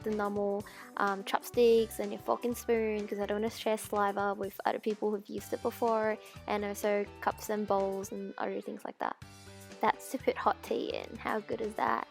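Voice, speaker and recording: A young woman chatting casually in her vlog, bubbly and full of "like". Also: medium pitch. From Australia. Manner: bubbly, chatty, heavy use of "like". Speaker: vlogger and English teacher. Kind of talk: casual vlog chat and voice-over.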